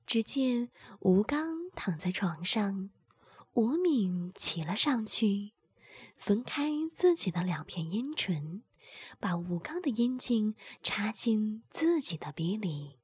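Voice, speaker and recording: A woman narrating an adult audio story in a slow, unvoiced whisper, as whispered role-play. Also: medium pitch, sing-song, a little mellow, husky, dry recording.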